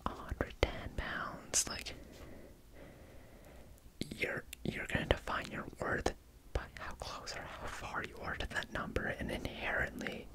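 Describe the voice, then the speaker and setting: A young man gives a casual ASMR ramble in a fast whisper, jumping along loosely, close to a desktop microphone. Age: young adult. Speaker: ASMR creator. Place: small home room indoors. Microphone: desktop condenser microphone, close up.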